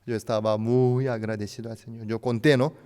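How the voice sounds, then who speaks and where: A man preaching a sermon as pastor, a non-native speaker of Spanish with a native Korean background, swinging between loud emphatic rises and hushed soft drops. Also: medium pitch, flat delivery, a little fast, clean tone. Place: church sanctuary. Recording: church hall with long reverb.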